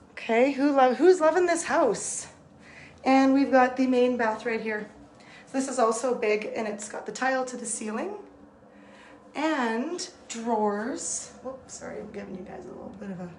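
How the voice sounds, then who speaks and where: A real estate agent giving an enthusiastic live walkthrough tour of a house and talking straight to her viewers while she walks around with a phone. Her voice is going a little hoarse. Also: sits high, slight background noise. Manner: bubbly, enthusiastic, addresses viewers directly. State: losing her voice. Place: indoors and outdoors at a house. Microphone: phone held while walking.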